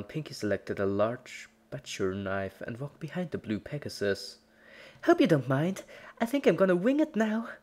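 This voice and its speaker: A woman whose voice is very deep for her sex narrates a horror story, reading from a script in a dramatic storytelling style. Her tone is darkish.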